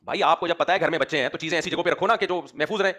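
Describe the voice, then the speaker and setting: A man's voice: a little high, racing, bright, forceful tone. A man giving a sermon as an Islamic preacher, speaking with a rhetorical manner and often addressing his listeners directly.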